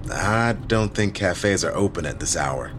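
Low-voiced and lively in intonation, this man speaks at a measured pace against a noisy background. He portrays a guarded but easygoing shooting survivor, an illustrator, in a naturalistic audio drama, delivering lines casually and with understatement.

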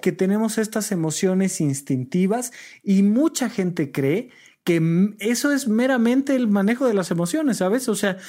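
A man with a Mexican accent, a doctor giving advice in an expressive, conversational way. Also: high-pitched, unhurried. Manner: conversational and expressive, acts out talking to children. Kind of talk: casual advice talk.

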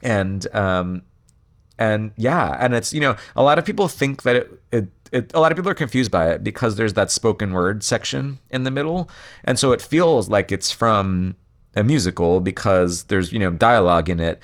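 A man's voice: on the low side, animated, moderate pace. A man talking casually in an interview about writing a song, rambling with many fillers and restarts. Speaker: songwriter guest.

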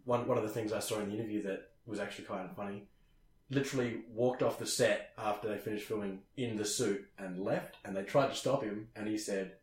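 Low guy telling a story casually, echoey room. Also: steady tone, fairly quick. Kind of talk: casual chat. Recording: roomy echo.

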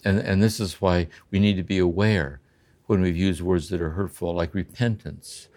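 An older man in a slow, contemplative spiritual conversation, often checking in with "See?". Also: low voice, fairly even intonation, a little mellow. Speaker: podcast host and spiritual teacher.

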